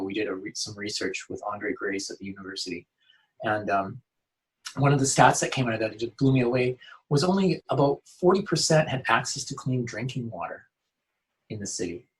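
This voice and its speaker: Speaking briskly with lively intonation in a mid-range voice, a man describes his youth outreach work in a casual interview. He's earnest and peppers his talk with restarts and "you know." The recording quality is low.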